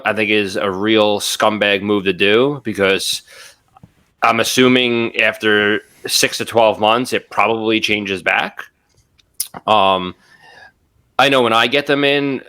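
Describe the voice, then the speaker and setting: A man's voice: on the low side, pushed and bright, clear, resonant tone. A man co-hosting a toy podcast over a video call, giving loose, opinionated takes. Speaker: podcast co-host. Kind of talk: casual chat.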